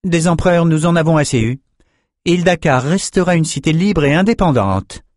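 Man doing an imperious sorceress queen, raised pitch, commanding, dry close audiobook sound. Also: lively intonation, moderate pace, darkish tone, no room sound. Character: haughty woman sorcerer-ruler of a magic city.

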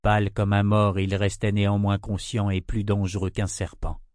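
A man narrates a fantasy audiobook in a measured, steady reading. His voice sits fairly low. The recording is close and dry, with no room sound. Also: no echo.

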